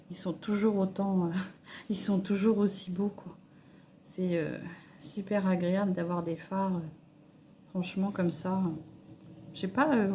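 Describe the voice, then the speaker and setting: A woman's voice: mid-range voice, dark tone, a little hiss or hum. A woman vlogger chatting casually and hesitantly about makeup palettes, swatching them on her hand while she talks. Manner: chatty, hesitant, with many fillers. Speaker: beauty vlogger. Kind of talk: casual makeup review chat.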